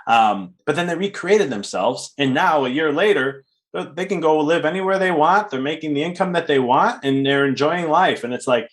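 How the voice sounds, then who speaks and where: Calm, upbeat male podcast host. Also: a little high, normal speed. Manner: calm, upbeat, loose with fillers. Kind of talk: casual interview chat.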